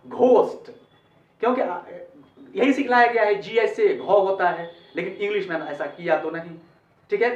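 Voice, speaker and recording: Hindi-speaking man teaching pronunciation, high voice. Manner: explains patiently, repeats words and checks understanding. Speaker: English teacher. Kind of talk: spoken pronunciation lesson. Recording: roomy, distant and muffled.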